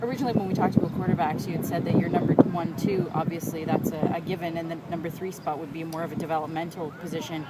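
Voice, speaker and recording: Male reporter firing quick questions at a scrum, distant mic, loud noise outside. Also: a little high, fairly even intonation.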